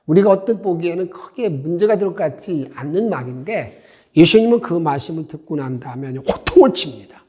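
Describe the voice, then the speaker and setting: Male pastor, earnest sermon to a small group, fairly high voice, asks questions. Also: expressive, brisk, darkish tone.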